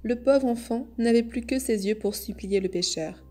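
A woman reading a classic children's story aloud in measured storyteller narration. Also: on the high side, mellow, faint music behind. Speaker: audiobook reader. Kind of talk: scripted narration.

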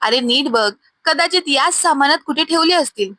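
Lady doing a sensible older uncle, coaxing, high pitched, dry. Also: moderate pace, dry recording. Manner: reasoning, calming.

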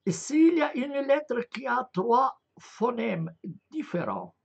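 Male lecturer, very slow and halting, gravelly, pitch wanders widely, explains step by step. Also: very animated, highs cut off. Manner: hesitant, frequent filler sounds and restarts; spells out letter sounds one by one. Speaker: lecturer on Arabic script.

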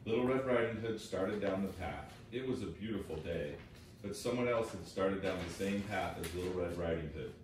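A man narrating a children's fairy tale play with expressive storytelling. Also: sits low, moderate pace. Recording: distant, echoey, noisy home recording.

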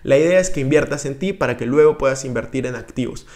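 A young man gives direct-to-camera personal finance advice, coaching the viewer with energy and hand gestures, recorded on a boom-arm studio mic in a small room. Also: quick pace, a little mellow. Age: young adult. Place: small room indoors, seated on a couch. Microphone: studio mic on a boom arm in front of him.

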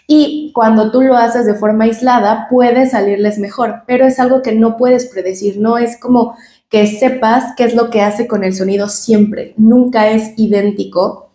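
A woman's voice: a little high, fairly even intonation, measured pace, warm tone, reverberant. A woman speech therapist with a Mexican Spanish accent, giving a patient, explanatory lesson to the camera and demonstrating sounds as she goes.

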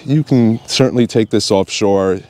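A man's voice: fairly low pitch, moderate pace, dark tone. A man with a Long Island accent, casually explaining used boats as he walks around them and drives, talking in a conversational, hands-on way. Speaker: fishing boat vlogger. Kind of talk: casual walkaround commentary. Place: outdoors by the road and driving a car.

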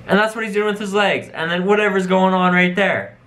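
A man's voice: sits high, steady tone, brisk, bright, forceful tone, poor audio. A young man in a small room, casually reacting to clips on webcam, laughing a lot and exclaiming in disbelief. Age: young adult. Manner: keeps exclaiming "what?" with frequent laughter.

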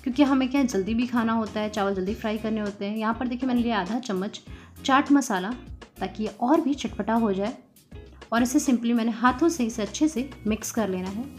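A woman's voice: on the high side, brisk, faint music behind. A woman hosting a home cooking tutorial, talking viewers through each step in a friendly, chatty way. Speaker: cooking channel host.

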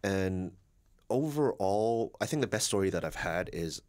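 Guest, young man, very low voice, easygoing, fillers, studio mic. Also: measured pace. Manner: relaxed, laughs often, "like" fillers. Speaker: restaurant manager, guest. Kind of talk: casual interview chat. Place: radio studio. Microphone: studio mic on boom arm, headphones.

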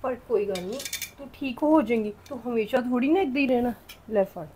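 A woman with a Punjabi accent playing a gentle daughter-in-law who soothes and pleads. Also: fairly high pitch, fast, slight background noise, natural voice. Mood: soothing.

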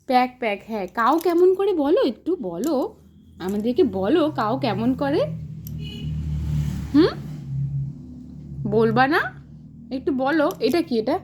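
In a casual home video, a mother uses a high, swooping, sing-song voice, a little mellow, to coax her toddler through picture words. She speaks slowly and patiently, asking lilting questions and showering praise, with slight background noise.

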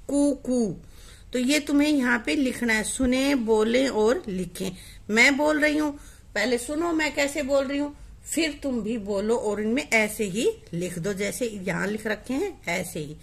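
Young woman teacher, slow and patient, voice swings up and down a lot, keeps asking kids questions. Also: gravelly, a bit bright. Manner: patient, coaxing, asks and answers her own questions; mimics the cuckoo's call in a high voice. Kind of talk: children's Hindi lesson.

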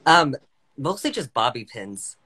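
A man joining a livestream by phone video call, speaking in a soft, hesitant way. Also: mid-range voice, sing-song, a little slow, low-quality recording. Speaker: livestream guest. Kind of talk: casual livestream chat.

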